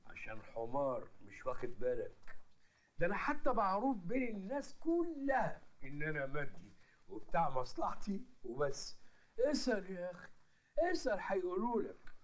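A man's voice: high-pitched, huge pitch swings, moderate pace. An actor playing a scheming, money-minded older father in a comedy film, speaking with an Egyptian accent and a blunt, bargaining manner. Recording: film soundtrack with faint music.

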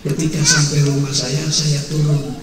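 Echoing preacher telling a story. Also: male voice, a little high, normal speed. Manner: lively storyteller, rhetorical questions. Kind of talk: storytelling sermon. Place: mosque hall. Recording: heavy hall echo, distant mic.

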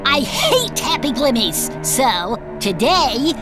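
A scheming, happiness-hating witch for a children's cartoon. The voice is very high and theatrical, drawing out each sneering taunt slowly. Music plays behind. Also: wildly swooping pitch, full character voice. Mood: gloating, spiteful. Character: spiteful, scheming female witch who hates happiness.

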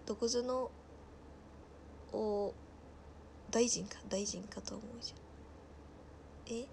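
A woman in her twenties with a Nagasaki dialect, chatting casually on a livestream and reading viewers' comments aloud, often trailing off into soft mutters. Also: medium pitch, fairly even intonation, slow, vocal fry, a little hiss or hum. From Nagasaki, Japan. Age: 20s. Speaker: livestream host.

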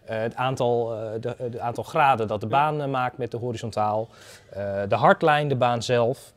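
A man's voice: medium pitch, normal speed. A man in his thirties giving a conversational technical explanation as an expert guest, didactic and step by step. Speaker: expert guest, data analyst. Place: indoor garden atrium of a university building.

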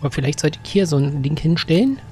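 A man's voice: on the high side, quick pace, a little hiss or hum. Chatty man narrating his gameplay. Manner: chatty, talks to game characters, sudden excited outbursts. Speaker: gaming let's-player. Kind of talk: casual gameplay commentary. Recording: faint game music behind.

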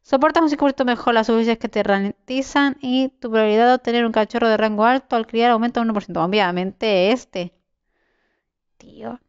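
A young woman with a Spain Spanish accent talks through a survival game, muttering to herself and bursting into yelps and curses. Her voice sits a little high and sounds smooth and clean. The recording is a bit dull and lo-fi. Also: fairly quick, dry recording. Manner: chatty, talks to herself, sudden shrieks and swearing. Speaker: gameplay streamer. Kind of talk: casual gameplay commentary.

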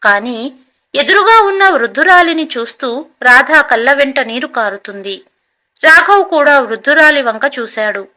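A woman storyteller reads a scripted tale in an even, measured delivery. Her voice is high and bright, with a crisp edge. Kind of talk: scripted narration.

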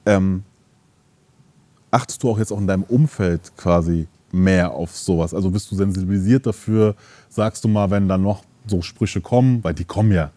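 A man in his thirties hosting an interview in a dark studio, asking long rambling questions full of fillers. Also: low-pitched, moderate pace, no echo. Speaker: interview host. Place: dark studio set, seated on leather couch.

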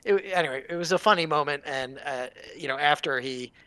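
A man's voice: a little high, a little fast, pushed and bright, smooth, no room sound. A middle-aged man chatting casually as a podcast guest, rambling through stories and cutting himself off with asides. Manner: rambling, self-interrupting, laughs at own stories. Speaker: guest game developer. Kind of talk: casual chat.

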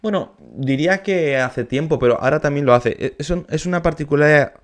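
A man's voice: a little high, brisk. Eager man reacting to a clip. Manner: enthusiastic, sings short snatches to demonstrate. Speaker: musician reacting to videos. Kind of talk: casual reaction commentary.

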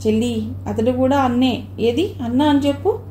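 A woman's voice: fairly high pitch, normal speed, dark tone, slight background noise, lightly acted. A woman voicing a sweet, affectionate schoolgirl in an audio novel. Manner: affectionate, explaining. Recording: roomy echo.

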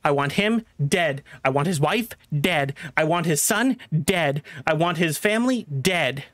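Male streamer, slightly high voice, dry close sound, constant swearing and stammering, fed up. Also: animated, unhurried, a bit bright, no room sound. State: frustrated and angry. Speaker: game streamer. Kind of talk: live game stream commentary.

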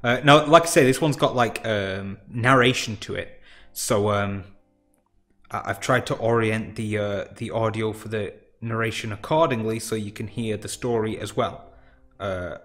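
A man's voice: lowish voice, fairly even intonation, normal speed, a bit bright, soft background music. A man casually commenting on indie games as he plays, in a chatty, rambling, self-deprecating way. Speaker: game showcase host. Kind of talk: casual let's-play commentary.

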